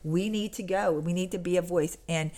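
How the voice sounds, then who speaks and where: With a darkish, low-leaning voice, an American activist speaks at normal speed and fairly even intonation. She's a guest in a conversational interview, earnest and insistent, playing out little exchanges as she tells her anecdotes.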